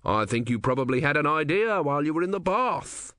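Man voicing a humoring shopkeeper, patient and lively, dry sound. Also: on the high side, a little fast, dry recording, voice pushed up. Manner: patient, indulgent. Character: patient, humoring middle-aged male potter.

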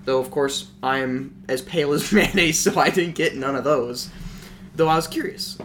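A young guy guesting on a podcast, telling stories in a loose, rambling way full of filler words. His voice sits a little high, with a faint hiss of noise in the background. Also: normal speed, fairly bright tone. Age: young adult. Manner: rambling, many "like" fillers, crude jokes. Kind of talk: casual podcast banter.

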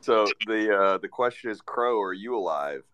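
A man hosting a casual live audio chat from a festival, relaxed and rambling. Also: fairly low pitch, moderate pace, dull audio. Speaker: host. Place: festival event in Austin.

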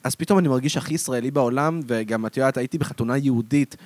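A man with an Israeli accent chatting casually as a podcast co-host, slangy and animated. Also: medium pitch, no echo. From Israel, born in France and moved at age five.

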